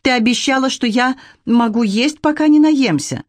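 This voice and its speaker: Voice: mid-range voice, animated, unhurried, dry recording, lightly acted. A reader voicing a starving, frantic teenage girl. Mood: furious. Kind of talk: audiobook narration.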